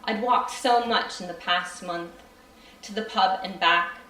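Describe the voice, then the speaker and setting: A woman reading aloud from her own novel at a live event, chatty in her introduction and steady in the reading. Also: medium pitch, a little slow. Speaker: creative writing student reading her novel. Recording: roomy hall from far off.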